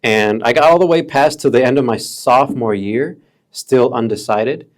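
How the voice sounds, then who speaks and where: A man in his early thirties from the Chicago area, telling stories as a podcast guest in a relaxed, casual way, peppered with bro and dude. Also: medium pitch, moderate pace. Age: 30s. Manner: laid-back, calls friends bro and dude. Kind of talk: casual storytelling chat.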